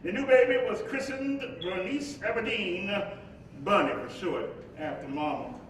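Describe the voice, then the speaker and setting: A man acting on stage as an eloquent civil rights leader, speaking in a measured, preacherly cadence with reflective, wry humour. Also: high-pitched, natural voice. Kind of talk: staged reading of a stage play, oratorical monologue. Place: live performance in an echoing hall. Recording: very echoey hall, distant mic, faint noise.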